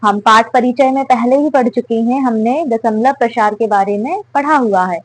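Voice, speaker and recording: A woman's voice: a little high, normal speed, low-quality recording. Woman teaching maths step by step. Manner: asks and answers her own questions.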